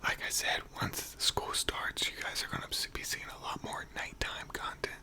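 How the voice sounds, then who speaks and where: An American teenager whispering a casual, rambling ASMR monologue, quiet as if late at night. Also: normal speed. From North Carolina, United States. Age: teenager, around 16 to 18. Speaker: ASMR video creator.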